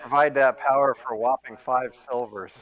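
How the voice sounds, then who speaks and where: A man joins a tabletop game with casual remarks. His voice is mid-pitched, and his manner is wry, full of dry quips. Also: steady tone, moderate pace, a bit bright, dull audio.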